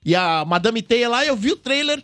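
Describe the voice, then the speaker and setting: Excitable slangy Brazilian man, high lively voice. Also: normal speed, no room sound. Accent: Brazilian Portuguese. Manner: animated, slangy, excitable storytelling. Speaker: show host. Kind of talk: casual chat.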